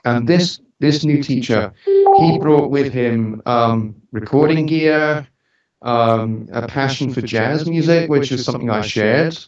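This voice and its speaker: Slow and slightly dark, his medium-pitched voice carries relaxed, joking stories told conversationally. He's a Scottish man in his forties who grew up moving around the UK, speaks with a mixed Scottish-British accent, and appears as an interview guest who runs a studio and makes music. The sound is muffled and roomy from a far-off microphone.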